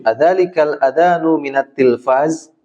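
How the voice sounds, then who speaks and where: A man teaching an Arabic class, speaking slowly and patiently in a slightly high voice. He drills questions and gives short explanations. The recording is roomy and somewhat dull. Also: darkish tone. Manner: slow, patient drilling with frequent "ya". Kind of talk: classroom Arabic lesson in Indonesian.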